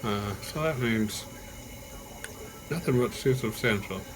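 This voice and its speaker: A man chatting casually to camera in a halting, low-key way, his mouth numb, dry and stiff after jaw surgery. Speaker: vlogger, patient recovering from jaw surgery. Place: hospital room. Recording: clear background noise throughout.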